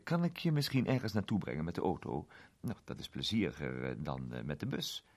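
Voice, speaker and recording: A man's voice: low-pitched, sing-song, fairly quick, a little mellow, full character voice. A man voicing an obliging middle-aged salesman who talks eagerly with small hesitations. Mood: kindly.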